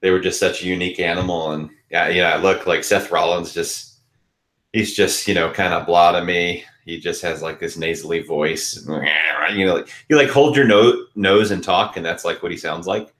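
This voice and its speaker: A man with a very low voice co-hosting a relaxed podcast. He rambles through his opinions and hedges them with plenty of fillers. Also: normal speed. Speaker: co-host. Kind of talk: casual podcast chat.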